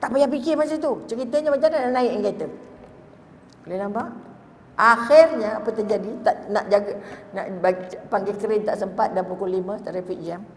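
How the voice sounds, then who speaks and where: A middle-aged woman with a Malaysian Malay accent, a religious teacher, gives a lecture in an echoey hall with long reverb. She tells stories, acts out the voices in them and puts questions to her listeners, speaking fairly quickly at medium pitch over slight background noise.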